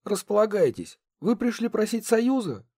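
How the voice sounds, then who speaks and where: A man's voice: sits high, big pitch swings, normal speed, dark tone, no echo, studio quality, voice pushed up, heavily acted. A man reading a storybook, voicing a cocky boy who leads a gang and gives blunt orders. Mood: brash. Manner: brash, ordering.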